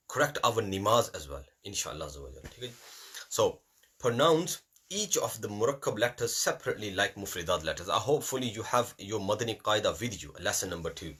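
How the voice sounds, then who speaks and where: Husky, bright-toned male Qur'an teacher. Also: fairly low pitch. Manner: repetitive, drills letters aloud, mixes in Urdu phrases. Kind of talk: classroom lesson.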